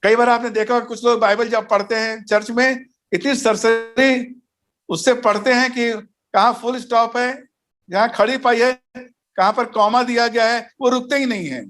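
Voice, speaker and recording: High-voiced pastor teaching Bible study. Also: male voice, fairly even intonation, moderate pace, a bit bright. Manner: didactic, enumerates points, tells jokes and anecdotes. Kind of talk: recorded teaching session.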